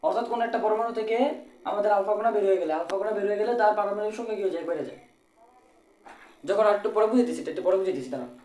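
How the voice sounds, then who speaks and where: Fast-talking Bangladeshi Bengali tutor, echoey room. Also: male voice, high-pitched, a little mellow. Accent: Bangladeshi Bengali, colloquial. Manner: repeats phrases, asks and answers own questions. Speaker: physics tutor. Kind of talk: exam-prep physics lesson.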